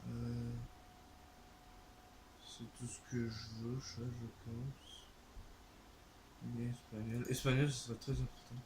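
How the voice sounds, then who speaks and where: A gaming channel host speaks slowly and flatly in a medium pitch, pausing often as he comments on his game in a let's play. His Québécois French accent carries hesitant, filler-laden thinking aloud over background noise.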